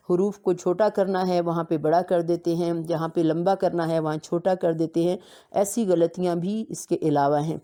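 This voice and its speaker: Mellow-voiced woman teaching Quran recitation. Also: lowish voice. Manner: explains steadily, recites Arabic verses slowly. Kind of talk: religious lesson.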